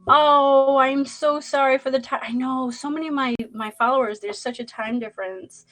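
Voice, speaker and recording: Her high, steady voice is a bit bright and moves at normal speed, though the recording quality is low. She's a Boston-born tarot reader with a Boston accent running a zodiac livestream, chatting loosely with many fillers and welcoming viewers in the chat.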